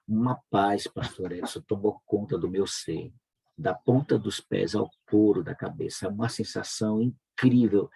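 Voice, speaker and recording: A low, gravelly male voice with a husky, dark edge tells his story in a heartfelt spoken testimony. He is from Brazil, talks earnestly and climbs into pleading peaks. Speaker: church member giving testimony.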